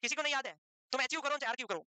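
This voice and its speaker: A male teacher lecturing his class in a brisk, scolding, teasing way. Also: very high voice, bright, forceful tone, clean tone, no room sound.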